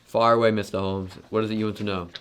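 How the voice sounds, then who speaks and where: Man acting a wealthy male husband, radio drama, proud, blunt, defensive, low-pitched, even delivery. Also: fast, smooth, natural voice. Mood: guarded, blunt.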